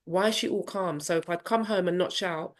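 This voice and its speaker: A parenting coach in her fifties tells her personal story in an interview, candid and reflective yet animated. Her voice is fairly low and brisk, and she acts out family dialogue in different voices.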